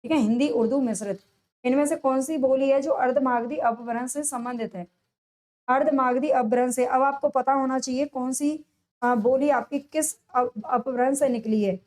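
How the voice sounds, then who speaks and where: A woman teaching a lesson for competitive exams. She asks each question, answers it herself, and repeats the key answers slowly with stress. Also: sits high, darkish tone. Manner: drawn-out, stressed delivery on answers. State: sore throat. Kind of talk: exam-prep lesson, solving multiple-choice questions.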